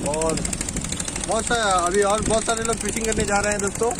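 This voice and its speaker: A man in his thirties talks to his viewers in a chatty vlog voice, pitched fairly high for a man. He films on a phone from a small rowboat, and loud boat and water noise runs under everything he says. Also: brisk. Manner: chatty, addresses viewers as friends. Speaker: fishing vlogger. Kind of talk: casual vlog narration. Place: small wooden rowboat on open water outdoors. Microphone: handheld phone camera.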